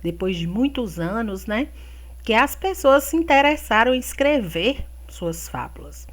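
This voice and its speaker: A woman's voice: fairly high pitch, sing-song, unhurried. A Brazilian woman teacher with a Brazilian Portuguese accent, guiding her pupils through a remote lesson affectionately, with diminutives and endearments. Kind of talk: remote class guidance.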